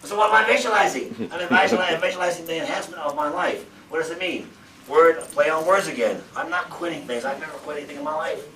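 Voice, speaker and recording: A man's voice: fairly high pitch, fast talker, crowd noise. A man in his fifties giving a motivational seminar talk, emphatic and repetitive, full of rhetorical questions. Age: 50s. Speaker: seminar speaker. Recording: roomy, from far off, faint background noise.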